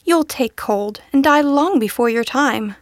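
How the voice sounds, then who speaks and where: Gentle female unicorn, wistful, hopeful, dry close sound, woman reading. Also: high voice, expressive, unhurried, no echo. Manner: hopeful, pleading.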